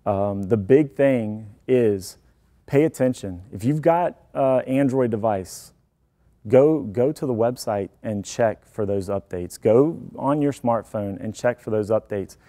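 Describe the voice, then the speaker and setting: Male presenter, casual tech talk, warm mellow tone, easygoing and joking with the room. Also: on the low side, a little slow. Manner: chatty, self-deprecating, joking asides. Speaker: IT security presenter.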